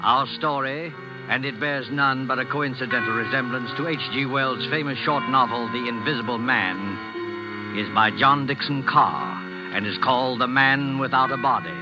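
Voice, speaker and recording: A man playing an ominous, formal mystery narrator on a 1940s radio drama, speaking gravely and theatrically. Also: medium pitch, moderate pace, close to an everyday voice. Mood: solemn. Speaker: announcer and narrator of a suspense show. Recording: dull vintage radio recording, music behind.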